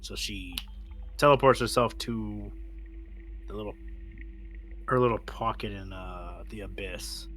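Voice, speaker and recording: A man with a fairly low voice and a bright, forceful edge. He plays a tabletop game, narrating and chatting informally, swearing and correcting himself as he goes. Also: unhurried, pauses often, slight background noise. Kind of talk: casual tabletop session chat and narration.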